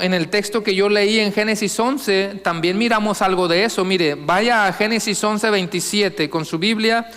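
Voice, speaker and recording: Male pastor, high clear voice, reverberant sanctuary, question-and-answer preaching. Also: a bit bright. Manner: asks the congregation questions and answers them; slow, emphatic reading of scripture. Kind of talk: sermon.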